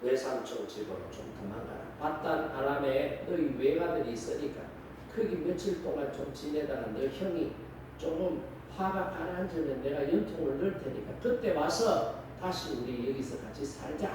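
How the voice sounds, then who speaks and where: A man voicing a scheming mother in a retold Bible story, urgent and hushed. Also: a little high, animated, normal speed, noisy background, voice pushed down, lightly acted. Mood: worried. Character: scheming mother urging her favored son. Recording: echoey church hall, distant mic.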